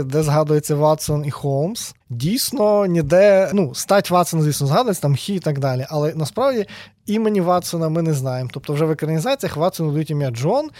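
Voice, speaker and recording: A man talks quickly and eagerly, his voice sitting a bit high for a man. He explains ideas like a lecturer in casual conversation, often tossing in little checking questions. The sound is dry and close, with no room around it. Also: dry recording. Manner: animated, explanatory, frequent tag questions. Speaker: guest, sociologist and lecturer. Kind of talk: conversational podcast interview.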